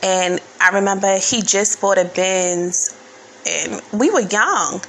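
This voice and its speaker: A woman's voice: medium pitch, slow, vocal fry, a bit bright, slight background noise. A woman in her thirties telling a personal story in a candid, casual, profane way, full of fillers.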